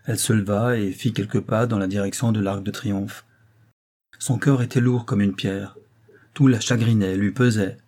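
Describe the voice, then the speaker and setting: A man reading a classic novel aloud in a measured literary manner, raising his pitch for the characters' dialogue. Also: fairly even intonation, darkish tone. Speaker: audiobook narrator. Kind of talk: scripted narration.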